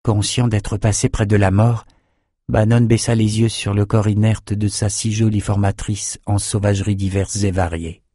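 A man narrating a fantasy audiobook in a measured, even storytelling voice. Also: on the low side, slightly rough, no echo, clean studio sound.

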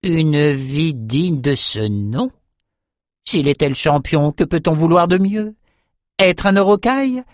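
A man voicing a naive, childlike albino shaman slaver in an audiobook, in a high, slow, puzzled voice. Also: animated, dry recording, studio quality. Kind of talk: audiobook character voice.

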